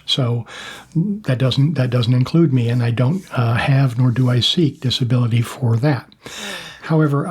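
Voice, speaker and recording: An older American man with a husky voice, talking to viewers as a host in a plain-spoken, casual monologue with measured pauses. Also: mid-range voice, a little mellow. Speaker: YouTube host, former Marine.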